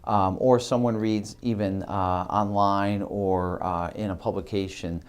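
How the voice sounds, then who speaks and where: A middle-aged man giving an instructional video lecture on marketing, halting often with ums and uhs and restarting phrases. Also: fairly low pitch, fairly even intonation, clean tone.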